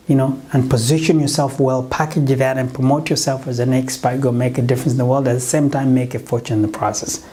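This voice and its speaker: Warm in tone, a middle-aged Ugandan man who is not a native English speaker makes an earnest motivational pitch as a business coach. His speech is marked by frequent restarts and self-corrections.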